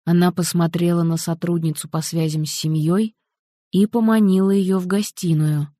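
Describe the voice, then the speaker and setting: A woman narrating an audiobook in an even, measured way. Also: on the low side, no room sound, clean studio sound.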